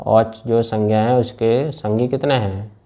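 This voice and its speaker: A man teaching Sanskrit grammar to a class. He speaks slowly, repeats key phrases and keeps asking his students whether they follow. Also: lowish voice, fairly even intonation, dark tone. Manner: slow and repetitive, drills phrases and checks understanding. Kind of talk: classroom lecture with questions to students.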